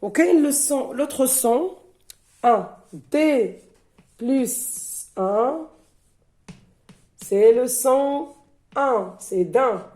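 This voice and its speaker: A woman teacher gives a very slow, syllable-by-syllable reading lesson, spelling out letters one at a time and repeating each sound. Her high-pitched voice is expressive and dark in tone, with frequent pauses.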